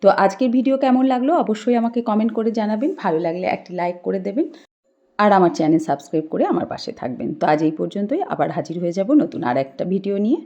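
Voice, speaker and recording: A woman hosting a home puja video, calmly explaining each ritual step and chanting mantras in a devotional tone. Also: medium pitch, fast talker. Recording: dull lo-fi home recording.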